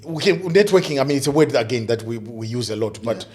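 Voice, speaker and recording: Middle-aged guy from zimbabwe, talks slow and halting, lots of "you know", keeps restarting. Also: mid-range voice, lively intonation, darkish tone. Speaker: guest, diversity and inclusion coach. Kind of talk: conversational interview.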